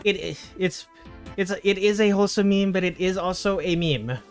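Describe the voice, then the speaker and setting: A man's voice: sits high, normal speed, soft background music. A man streaming live on a headset mic, chatting casually with viewers while he draws, often trailing off and restarting his sentences. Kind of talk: casual livestream chat while drawing. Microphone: livestream headset mic.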